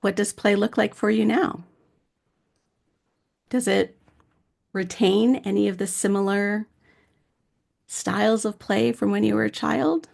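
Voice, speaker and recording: A woman's voice: mid-range voice, fairly even intonation, measured pace, creaky, pauses often, a little mellow. A woman in her thirties facilitating a conference workshop, guiding a reflection and then chatting in a friendly, conversational way. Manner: friendly, conversational, uses fillers like "like". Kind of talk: guided reflection and conference talk.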